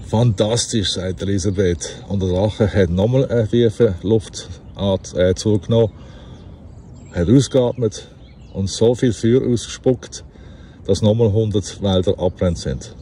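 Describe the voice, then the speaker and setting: A man with a Basel Swiss German accent reading a fairy tale aloud outdoors, relaxed and chatty, with laughs and self-corrections. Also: lowish voice, measured pace, a little hiss or hum. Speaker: storyteller.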